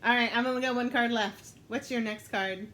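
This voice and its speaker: A woman telling a story aloud while playing a storytelling card game, unhurried and thinking aloud, often breaking into laughter. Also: a little high, steady tone, a bit bright, slight background noise, rough recording. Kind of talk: casual storytelling game play.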